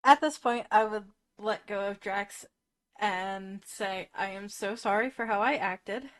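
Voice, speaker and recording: Female player, casual in-character recap; slow pace. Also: mid-range voice. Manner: casual, recounting with many ums. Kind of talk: tabletop role-play on a live stream.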